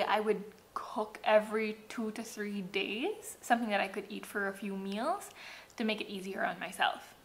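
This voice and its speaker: A woman in her twenties vlogs casually from her home kitchen and dining room, giggling and chatting with plenty of "like" fillers into a handheld camera held at arm's length. Her mid-range voice is a bit bright, with slight background noise.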